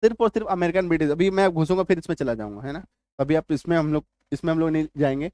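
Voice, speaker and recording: A male teacher gives a spoken lesson, often checking in with listeners and slowly spelling words out letter by letter. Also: fairly high pitch, a little mellow, dry recording, studio quality. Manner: repetitive, checks in with "है ना" and "ठीक है". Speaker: English teacher.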